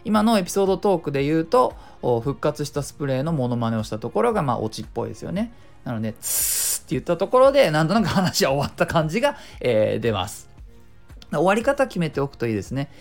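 A man's voice: a little high, very animated, quick pace, gravelly, soft background music. A middle-aged man hosting a casual solo talk show, chatty and self-explaining, giving speaking tips and dropping in little sound imitations. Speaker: podcast host.

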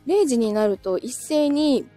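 A woman's voice: high-pitched, lively intonation, unhurried, mellow, dry recording, faint music behind. A woman hosting a casual livestream, chatting with listeners, reading their comments aloud and laughing often.

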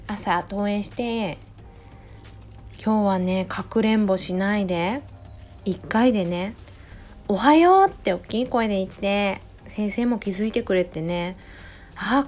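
A woman in her thirties, a mother, talking in a gentle, chatty way in a casual solo audio diary, close to the mic. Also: medium pitch. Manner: gentle, chatty, many soft "ne" tags. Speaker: podcast host, mother of a preschooler. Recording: faint music behind voice.

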